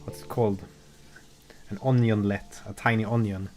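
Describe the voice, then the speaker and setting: A man, a game developer, giving relaxed, halting commentary on his own game with an amused tone. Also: lowish voice.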